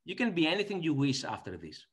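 A Greek man in his forties, from Greece, speaks fast in a slightly high voice with huge swings in pitch. He's a guest economist on a video call interview, thoughtful but full of fillers and restarts, picked up by a laptop webcam in a small indoor room.

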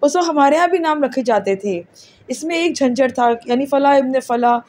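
Woman doing an alien girl, calm and superior, lecturing, high voice, audiobook. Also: close to an everyday voice. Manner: patient, lecturing, matter-of-fact. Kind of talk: audiobook character reading.

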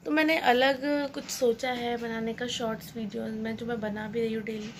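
A high-pitched young woman in her twenties talks through her day in a chatty home vlog voice-over, grumbling playfully as she goes. Her throat sounds a little sore. A faint hiss sits under the voice. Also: flat delivery, a little fast. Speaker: vlogger. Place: indoors at home.

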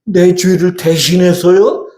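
A high, whiny little boy puppet. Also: steady tone, slow, warm tone. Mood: wondering. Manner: whiny, childlike, pleading. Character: naughty young boy puppet, fearful then repentant. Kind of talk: children's church puppet show. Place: church hall, live show. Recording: echoey church hall, faint noise.

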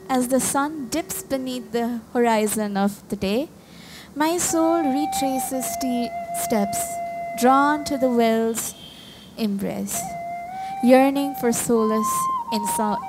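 A young woman with a Nepali accent reading her poem slowly and carefully at an open mic. She reads from her phone into a stand mic on a small cafe stage and sometimes restarts a word. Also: on the high side, sing-song, music in the background, low-quality recording. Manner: slow, measured recitation read from a phone, with restarts. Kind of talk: poetry reading. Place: small cafe stage in front of a brick wall.

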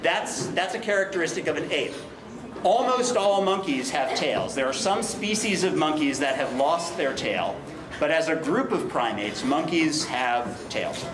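Fairly high-pitched and a little slow, a middle-aged man gives an animated science talk with a Q and A for schoolchildren, blending Spanish phrases into his English. He walks and gestures in a large cafeteria crowded with kids, wearing a wireless headset or lapel mic. Crowd noise fills the roomy, distant recording as the children chatter behind him.

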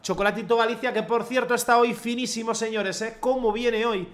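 A young man, commentating his own football video game match in the style of a TV commentator and bursting into long shouted goal calls. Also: very high voice, steady tone, fairly quick. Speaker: gaming youtuber playing a football career mode. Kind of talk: excited self-commentary while gaming.

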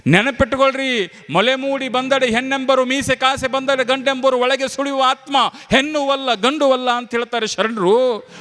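A man preaching a storytelling sermon, animated and folksy, speaking straight to the audience. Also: very high-pitched.

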